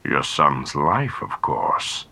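A man voicing a desperate male Sith high lord whose helmet gives his voice a droning sound, often hushed and whispery. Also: huge pitch swings, drawn-out words, vocal fry, breathy edge, heavily acted. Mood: menacing hush. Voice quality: droning through a helmet voice box. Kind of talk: audiobook character voice.

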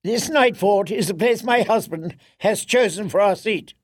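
A man's voice: high-pitched, normal speed, no room sound, clean studio sound, pitched above the performer's own voice. A man voicing a cold, proud queen who speaks with royal disdain. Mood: imperious. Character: haughty, cold, imperious middle-aged queen.

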